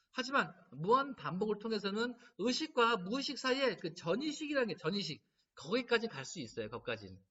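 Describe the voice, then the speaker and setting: A middle-aged man lectures caregivers on laughter therapy, telling lively stories and acting out quotes with animation. His voice is high-pitched with a breathy edge. The mic is distant and the sound is dull and lo-fi.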